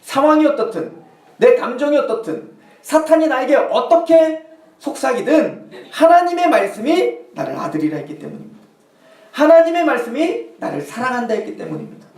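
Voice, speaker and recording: A man's voice: very high voice, roomy sound, distant mic. A male pastor preaching a sermon, acting out the tempter's taunts in a mocking, questioning voice. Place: church sanctuary.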